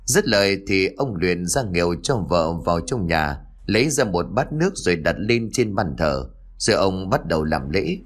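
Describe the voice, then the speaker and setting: Low-voiced man narrating a ghost story. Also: moderate pace. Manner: expressive storytelling, dramatic rise and fall. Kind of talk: scripted narration.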